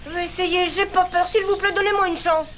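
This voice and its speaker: A woman's voice: extremely high pitch, fairly even intonation, brisk, fairly bright tone, slight background noise. A woman voicing a remorseful young boy in a French cartoon dub, talking in an urgent, pleading way.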